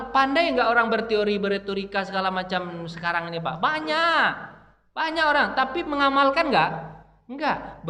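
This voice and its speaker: Man, mosque teacher, bright voice, rising and falling, conversational sermon. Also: high voice. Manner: conversational, asks the audience questions and answers them himself. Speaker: mosque teacher giving a lecture. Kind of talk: casual sermon to a dawn congregation. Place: mosque hall. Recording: echoey mosque hall.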